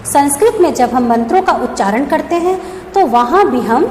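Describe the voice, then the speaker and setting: A woman's voice: high-pitched, lively intonation, moderate pace, darkish tone. A woman school teacher giving a grammar lesson, explaining step by step and asking and answering her own questions. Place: classroom or school room. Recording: echoey room with long reverb, faint background hum.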